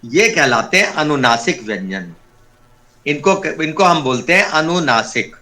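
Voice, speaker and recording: A man teaching a Sanskrit class online, his voice fairly high and bright. He explains patiently, step by step, and repeats each key term. The sound is that of a video call. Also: expressive, unhurried.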